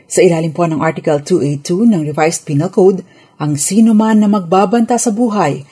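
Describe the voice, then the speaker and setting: A woman with a Filipino accent, a lawyer, delivers a scripted legal explainer on radio in a formal, measured, instructive way. Her voice is on the low side, dark, and slightly rough.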